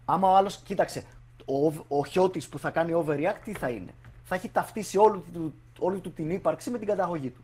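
A man chatting casually as a podcast co-host, animated and argumentative, dropping English slang into his talk. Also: high-pitched, husky. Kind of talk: casual chat.

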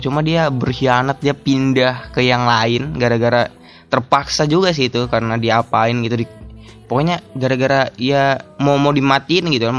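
A man's voice: medium pitch, fairly bright tone. A young man with hosting a casual solo podcast, rambling, restarting sentences and laughing often. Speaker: podcast host.

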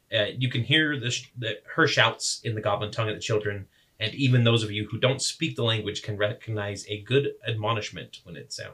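A man's voice: on the low side, a bit bright. A young man narrating as game master, describing scenes in a rambling way with fillers and self-corrections.

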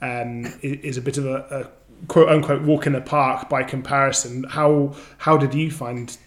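A man's voice: medium pitch, steady tone, normal speed. A man hosting an interview podcast, eager and enthusiastic, often repeating words and using fillers. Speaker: podcast host.

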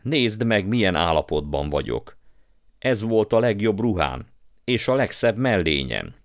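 A man voicing a greedy, pompous elderly uncle who gets excitable and boastful. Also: fairly low pitch, no room sound, studio quality, voice pushed up. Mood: indignant.

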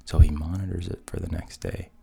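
A man retelling fairy tales in a hushed, half-whispered narration, with wry deadpan asides. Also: low-pitched, fairly quick, creaky, husky. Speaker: storyteller.

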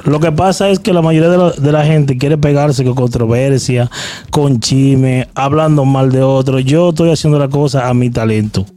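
A man's voice: mid-range voice, normal speed, mellow. A Dominican man, a musician guest, talking earnestly about his songs in a casual interview. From Dominican Republic.

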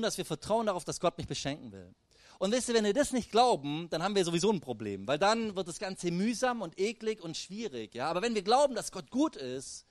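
A man preaching a sermon in a lively, direct way, often turning to the congregation with questions and calls. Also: sits high, no room sound. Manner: lively, addresses the audience directly with "hey" and "wisst ihr".

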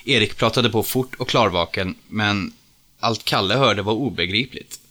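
Low, bright-toned male storyteller. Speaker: narrator. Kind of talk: audiobook story reading.

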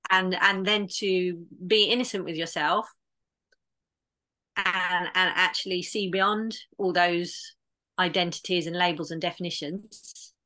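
A woman's voice: lowish voice, fairly even intonation, measured pace, pushed and bright. A woman in casual conversation, talking in an earnest, reflective way with many restarts. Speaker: podcast guest.

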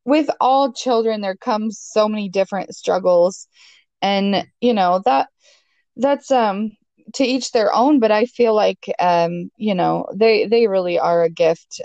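A woman's voice: medium pitch, a little mellow, no echo. A woman guest, a parent, talking in a rambling way with many fillers. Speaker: guest, parent of a child with Fragile X. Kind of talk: conversational interview. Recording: dry, dull lo-fi sound.

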